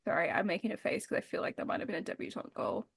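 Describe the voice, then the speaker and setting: A woman's voice: mid-range voice, very fast, vocal fry, husky. A woman guesting on a casual podcast, laughing often.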